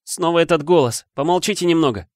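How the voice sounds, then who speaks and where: A man voicing a nervous young schoolboy who speaks in a hurried, urgent way in an audiobook reading. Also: a little high, dry recording, studio quality, voice pushed up, lightly acted.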